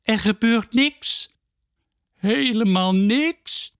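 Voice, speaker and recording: A man voicing a small eager boy in a children's storybook, bright and high. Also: drawn-out words, smooth, dry recording, studio quality, heavily acted. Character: small eager boy who loves kites.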